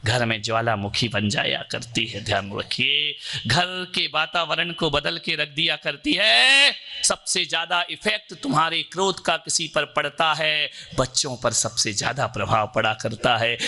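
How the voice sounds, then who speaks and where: A man preaching a sermon as a Jain monk, telling humorous family stories and acting out the voices of the people in them, with sudden loud outbursts. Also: high-pitched. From India.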